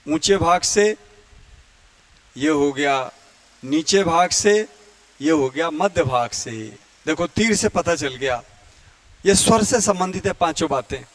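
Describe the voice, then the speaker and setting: Male Hindi grammar teacher, high and unhurried, dry close sound, clears his throat often, chants vowels as examples. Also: dry recording. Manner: explains slowly, chants vowels and Sanskrit verse to demonstrate. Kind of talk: classroom lecture.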